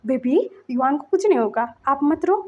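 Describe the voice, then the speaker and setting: Woman playing an angry crying dad yelling at a teacher, high, muffled recording. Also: lively intonation, moderate pace. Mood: comforting. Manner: shouting, tearful. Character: distraught father, furious at the teacher.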